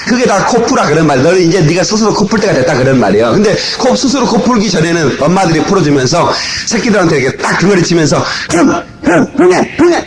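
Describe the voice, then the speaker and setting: A man preaching a lively, humorous sermon as a pastor, shouting his punchlines, recorded on an old cassette in a church full of people. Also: sits high, poor audio. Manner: animated, shouting punchlines, playful asides. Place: church sanctuary. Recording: old cassette tape of a live church service with congregation. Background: congregation laughing and responding.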